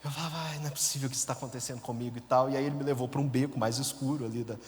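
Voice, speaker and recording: A priest from the interior of Minas Gerais, with a Minas accent, telling a story in a sermon in a chatty, self-mocking way and laughing often. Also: male voice, mid-range voice, steady tone, very fast. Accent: Minas Gerais Brazilian Portuguese. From interior of Minas Gerais, Brazil. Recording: long hall reverb.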